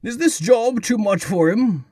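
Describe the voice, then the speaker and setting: A man playing a pompous, genial older mayor-king in a comic dub, husky-voiced, with a blustery, theatrical manner. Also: high-pitched, lively intonation, a little slow, darkish tone, no echo, studio quality. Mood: troubled, blustery.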